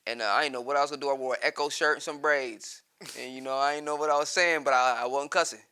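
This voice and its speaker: Born in Texas and based in Columbus, Ohio, this rapper is a relaxed interview guest who laughs a lot and keeps saying "you know what I mean." He speaks fast in a medium-pitched, steady, bright voice that is clean and forceful.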